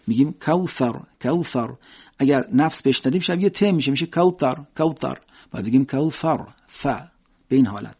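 A man teaching Quranic recitation, demonstrating each letter slowly and repeating the examples. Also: on the high side, a little mellow, slightly rough. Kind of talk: religious pronunciation lesson. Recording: dull lo-fi audio.

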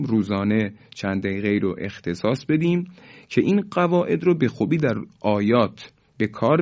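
A man teaching Quran recitation rules to listeners, explaining patiently and slowly drawing out the example words as he recites them. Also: medium pitch, a little mellow, lo-fi sound. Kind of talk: tajweed lesson for listeners.

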